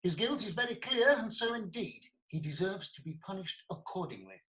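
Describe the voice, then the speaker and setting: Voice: medium pitch, sing-song, moderate pace, fairly bright tone, poor audio. An actor playing a formal prosecutor questioning witnesses in an amateur courtroom audio drama.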